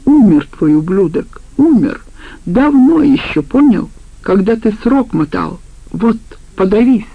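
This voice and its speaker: A spiteful, scheming woman, as a narrator puts her on, sharp-tongued and brazen, her voice pitched higher. The tone is gravelly and the audiobook recording sounds dull. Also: animated, normal speed, no room sound. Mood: mocking. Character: spiteful scheming woman, the criminal's former partner.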